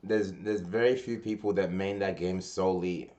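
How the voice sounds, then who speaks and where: A man's voice: sits low, steady tone, normal speed, dark tone. A young man hosting a casual gaming podcast, rambling with lots of restarts and slang. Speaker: podcast host and tournament organizer. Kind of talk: casual chat.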